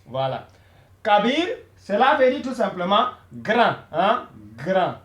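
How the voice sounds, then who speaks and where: Male language teacher, high voice, echoey room, patient and repetitive with beginners. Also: sing-song, slow, fairly bright tone. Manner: patient, repeats words many times, checks in with "hein?" and "voilà". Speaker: Arabic teacher.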